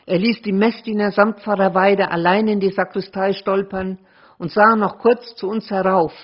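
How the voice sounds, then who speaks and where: Woman author reading her own prose, husky and lively, muffled lo-fi sound. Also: mid-range voice, moderate pace. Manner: dramatic, lively narration with shifts in loudness. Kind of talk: expressive literary reading. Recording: muffled lo-fi recording.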